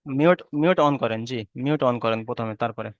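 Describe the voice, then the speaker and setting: A man's voice: mid-range voice, normal speed, no room sound, dull audio. A man teaching an online Arabic reading lesson with a Bengali accent, patiently spelling out letters and correcting students.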